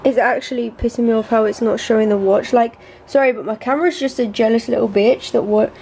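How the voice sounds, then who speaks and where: A woman's voice: a little high, steady tone, brisk, a little mellow, a little hiss or hum. A young woman talking in a gushing casual vlog, groggy from just waking up. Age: young adult. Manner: gushing, says "literally" and "wow" a lot. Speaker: vlogger.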